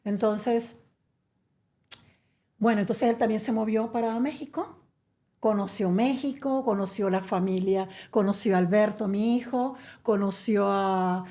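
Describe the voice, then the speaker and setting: A woman's voice: medium pitch, measured pace, mellow. A middle-aged woman from Venezuela, telling her story as a guest in a chatty interview, with many fillers. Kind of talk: conversational interview.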